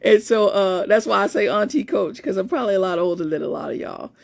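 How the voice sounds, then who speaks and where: This fifty-something life coach speaks fast in a mid-range voice with vocal fry, her tone sitting between feminine and masculine. On a casual live stream she shares a personal story with viewers, chatty and frequently starting over mid-sentence.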